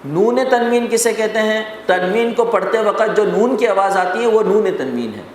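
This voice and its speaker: A man teaching Quran recitation speaks in a high voice inside an echoing hall, with faint background noise. During the classroom lesson he lays out rules step by step, tests students with questions and repeats lists.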